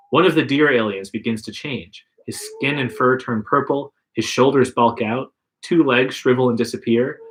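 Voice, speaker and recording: A man's mid-range, fairly bright voice carries a livestream podcast reading of an interactive gamebook. He keeps the narration plain and adopts voices for the dialogue, speaking into a livestream podcast mic.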